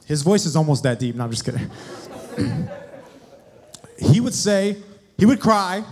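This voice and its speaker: A man's voice: a little high, very animated, unhurried, some chatter behind. A young man preaching a sermon, addressing the congregation directly with questions. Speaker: guest preacher.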